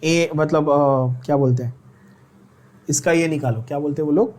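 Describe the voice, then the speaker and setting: A man's voice: a little high, fairly even intonation, darkish tone. A man with an Indian accent teaching chemistry in a Hindi-English mix, teasing students and checking they follow. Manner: teasing, scolds students playfully; slow, drawn-out explanations with frequent checks.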